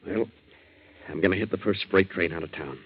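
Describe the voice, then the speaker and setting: In a 1940s radio drama with a dull, period recording, a man with a low voice plays a blunt, slangy, hot-headed young waterfront man who has a decent heart. He talks briskly and sounds resigned yet earnest.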